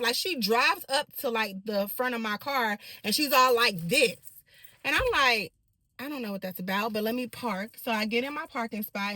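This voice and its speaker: A woman in her thirties telling viewers a personal story in a casual, animated way, talking straight to her audience. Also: high-pitched, dry recording. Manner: animated, direct address to the audience.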